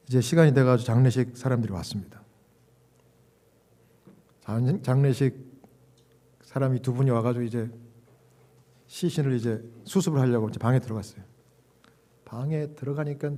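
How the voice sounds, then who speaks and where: A middle-aged male pastor telling a story in a sermon, animated, laughing and acting out quoted dialogue. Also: a little high.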